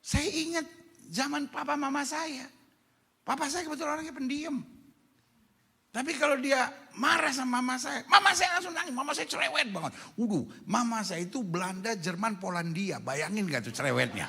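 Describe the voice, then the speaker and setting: A man's voice: very high voice, moderate pace, vocal fry, pushed and bright, breathy edge. A middle-aged male pastor, preaching a humorous sermon in a church hall, teasing the congregation in colloquial slang. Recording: long church hall reverb.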